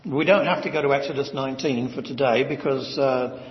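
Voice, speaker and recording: A man preaching an expository sermon, slow and deliberate, building to rising emphatic stresses. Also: medium pitch, steady tone. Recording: dull lo-fi sound with long hall reverb.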